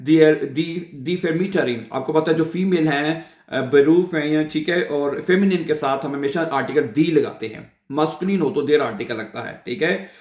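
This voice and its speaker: A man teaching German vocabulary in Urdu. He pronounces the German words slowly and carefully, then explains them quickly with many fillers. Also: on the high side, darkish tone. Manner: fills the talk with "ठीक है" and "अ". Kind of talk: language lesson in Urdu. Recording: echoey room.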